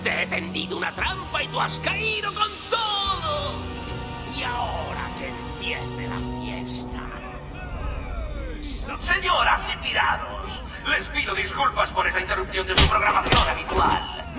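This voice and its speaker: A man's voice: very high voice, sing-song, measured pace, exaggerated voice. Crazy gleeful clown villain from a game, swoopy showman voice, far from mic and echoey. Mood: gleeful, showy. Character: manic, mocking clown supervillain man. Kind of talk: theatrical video game villain acting. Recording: echoey, distant, loud music behind.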